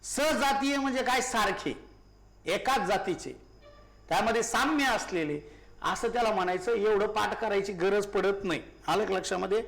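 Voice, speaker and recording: A man's voice: sits high, normal speed, creaky, fairly bright tone. A male teacher giving a grammar lesson, asking questions and answering them himself, repeating key words and often calling his listeners brothers.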